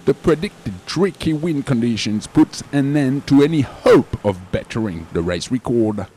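A man narrates sailing news in a scripted voice-over, his pitch rising and falling a lot. His voice sits in the middle range, with a faint hiss of noise behind it. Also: expressive, measured pace, dark tone.

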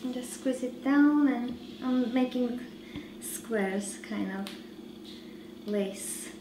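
A woman in her thirties hosting a home cooking show, giving slow, relaxed instructions with frequent fillers while she works. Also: a little high, echoey room, noisy background. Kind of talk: cooking demonstration. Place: large home kitchen.

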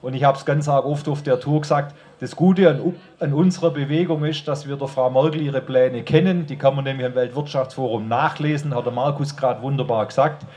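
Speaking into a handheld microphone on an outdoor stage under an open tent, a man with a Swabian accent gives an informal, colloquial rally speech straight to the crowd. His warm, mid-range voice is brisk and fairly even, with hardly any pauses.

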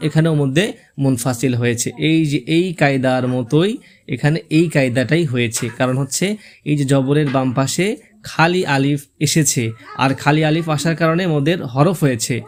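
A man teaching Quran reading step by step, spelling out letters and vowel marks, then reciting the words slowly. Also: on the high side.

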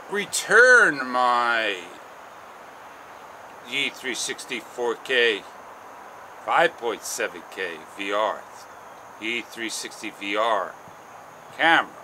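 A man in his forties vlogging outdoors, rambling slowly and haltingly with frustration, on a clip-on mic. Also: medium pitch, pushed and bright, a little hiss or hum. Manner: slow, halting, frustrated rambling with long pauses. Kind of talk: casual walk-and-talk vlog. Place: outdoors on a sunny garden patio and paths. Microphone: small wireless clip-on mic.

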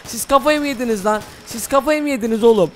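Excitable young man narrating a Minecraft game. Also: extremely high pitch, quick pace, slight background noise. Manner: excitable, addresses viewers as "friends". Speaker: gaming channel host. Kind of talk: Minecraft role-play commentary.

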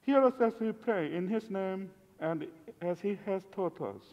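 A man leading a liturgical prayer as a pastor, intoning in a measured, solemn way, his voice ringing with a long cathedral-like echo. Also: sits high, lively intonation, darkish tone. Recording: dull muffled church recording with long reverb.

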